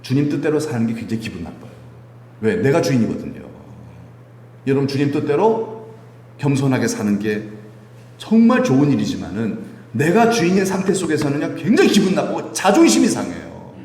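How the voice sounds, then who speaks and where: Male pastor preaching, animated pitch, long reverb of a church hall, light room ambience. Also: fairly quick. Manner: lively, teasing the congregation with questions and chuckles. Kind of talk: sermon. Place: church sanctuary.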